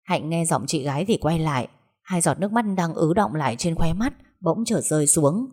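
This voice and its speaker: A woman storyteller reading a family drama in a steady, dramatic way. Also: deep voice, moderate pace. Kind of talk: scripted narration of a family drama.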